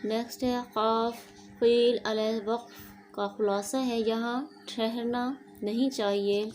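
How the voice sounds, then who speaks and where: Woman Quran teacher in a steady, monotone delivery. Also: fairly high pitch, slight background noise. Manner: steady explanatory teaching, mixing in English words. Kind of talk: online lesson.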